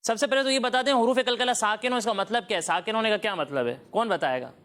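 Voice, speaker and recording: A Quran teacher leading a children's recitation lesson, patiently quizzing the pupils and slowly modelling each sound. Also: mid-range voice, fairly bright tone, faint music behind.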